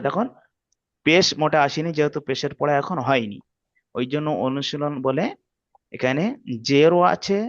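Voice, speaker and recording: A man teaching Quran reading, slowly spelling out letters and vowel marks and often checking that his students follow. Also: medium pitch, no echo, dull audio. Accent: Bangladeshi Bengali. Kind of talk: slow spelled-out recitation lesson.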